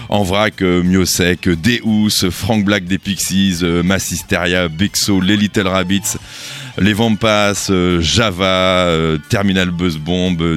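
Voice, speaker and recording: A middle-aged man presenting a radio show unscripted, in a halting, hesitant way. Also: sits low. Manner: hesitant, stretching out words. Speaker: radio host.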